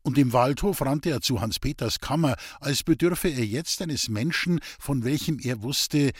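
A man narrating a classic novel in an expressive, scripted reading style. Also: medium pitch, a little slow, slightly rough, no echo, studio quality. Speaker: audiobook narrator.

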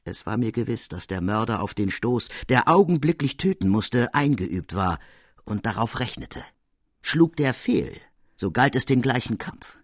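A man's voice: medium pitch, animated, a little slow, dry recording, clean studio sound. Casting: frank, proud male guard officer, firm and emphatic, read by a male narrator in an audiobook.

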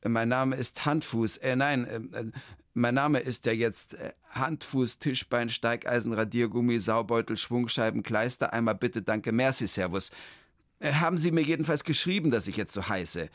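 A man's voice: medium pitch, moderate pace, no echo, studio quality, voice pushed up, lightly acted. A man voicing a flustered, stammering male concert pianist in a children's story. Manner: hesitant, stammering.

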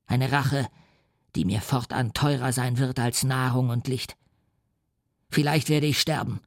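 A man's voice: mid-range voice, steady tone, measured pace, dry recording, studio quality, lightly acted. A male audiobook reader voicing a lonely, wronged creature who turns vengeful, speaking in a choked, menacing voice. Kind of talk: audiobook reading.

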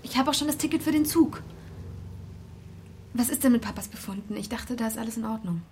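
A young actress playing a student daughter who talks briskly and with irritation, in a radio drama. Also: female voice, on the high side, darkish tone, slight background noise, natural voice. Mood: hurried. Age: young adult.

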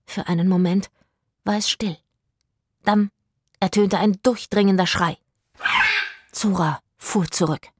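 A woman narrating a children's audio mystery with expressive storytelling. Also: medium pitch, measured pace, long pauses, husky.

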